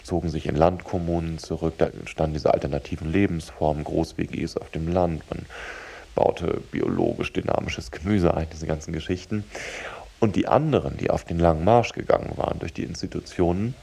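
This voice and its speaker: A man's voice: low-pitched, fairly even intonation, fairly quick, vocal fry, mellow, husky. A man giving a thoughtful, reflective radio interview, searching for words as he talks.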